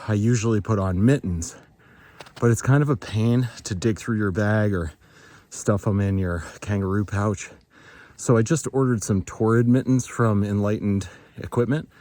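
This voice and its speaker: A man's voice: on the low side, darkish tone, no room sound. A man casually narrating a winter hike and gear review in a plain-spoken way, talking outdoors while out on a snowy mountain trail. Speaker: hiking vlogger. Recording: noisy outdoor ambience around the voice.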